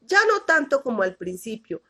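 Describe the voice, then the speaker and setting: A woman voicing a gentle old grandfather who soothes a crying child tenderly. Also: fairly high pitch, big pitch swings, normal speed, voice pushed up, heavily acted. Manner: tender, coaxing.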